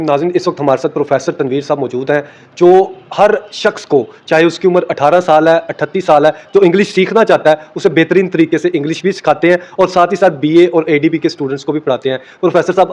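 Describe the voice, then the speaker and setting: Host guy, talks fast, formal polite questions, bit high voice. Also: a little mellow. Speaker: interviewer host. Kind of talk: formal interview introduction.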